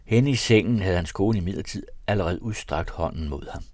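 A man reading a novel aloud in a measured, even storytelling manner. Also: low voice, dry recording, studio quality. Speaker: audiobook narrator.

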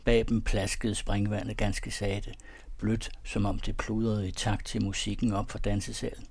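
A man calmly reading a romantic story aloud in a measured, softly expressive way. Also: fairly low pitch, vocal fry. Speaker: narrator. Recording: dry close recording.

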